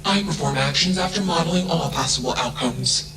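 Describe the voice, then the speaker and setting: Game casting: a man as an emotionless AI that announces its own statements, gravelly edge, echoey and noisy recording. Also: a little high, fairly quick, close to an everyday voice. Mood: detached. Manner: emotionless, clipped statements each announced by a label word. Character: emotionless male ship AI, cold and detached. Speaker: hostile ship AI. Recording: echoey with background noise.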